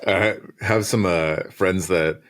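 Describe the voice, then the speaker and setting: A man in his thirties with an exceptionally deep, low voice talks through his experiences in a relaxed, reflective way. He laughs easily and fills his sentences with "uh" and "like" as he thinks aloud. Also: takes it slowly. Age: 30s. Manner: relaxed, reflective, laughs often, many fillers like uh and like. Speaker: design manager and podcast guest. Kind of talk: casual conversational interview.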